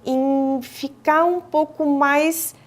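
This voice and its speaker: A woman with a Brazilian Portuguese accent speaks as a guest expert on a studio talk show, her voice sitting a little high. She explains things in a teacherly way, stopping on small hesitant fillers and starting phrases over as she goes. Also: fairly even intonation, drawn-out words. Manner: didactic, with frequent hesitant fillers and restarts. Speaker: speech therapist and professor, interview guest. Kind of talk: explanatory interview answers. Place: television studio.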